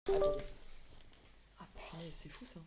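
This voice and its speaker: A woman's voice: low-pitched, steady tone, normal speed, background noise. A young adult woman hosting an esports league live stream, chatty and laughing often, correcting herself as she goes. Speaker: esports league show host.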